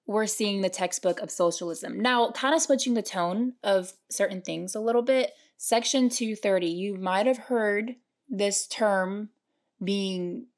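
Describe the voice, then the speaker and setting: A young woman co-hosting a political talk podcast in a relaxed, chatty way. Her voice has a gravelly, fry-tinged edge. She keeps jumping in to finish her partner's sentences. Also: mid-range voice, a little slow. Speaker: podcast co-host. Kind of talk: casual political podcast chat.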